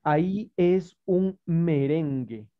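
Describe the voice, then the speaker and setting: Woman, Ecuadorian Spanish accent, primary teacher, patient, coaxing, unhurried, muffled video-call sound. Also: sits low. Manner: patient, coaxing, uses diminutives. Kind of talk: online class over video call.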